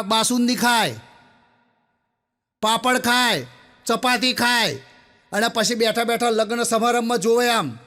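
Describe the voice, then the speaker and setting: A man's voice: high voice, fairly bright tone. A man doing a stand-up comedy set, chatting with the audience and telling joke stories, acting out the characters. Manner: chatty, addresses the audience as sir, acts out characters. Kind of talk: stand-up jokes and storytelling.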